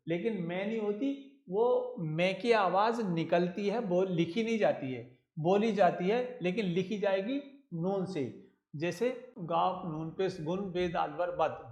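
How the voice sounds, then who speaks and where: A man's voice: high voice, roomy sound. A man teaching Urdu script, patiently spelling words out letter by letter. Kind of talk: slow spelling lesson.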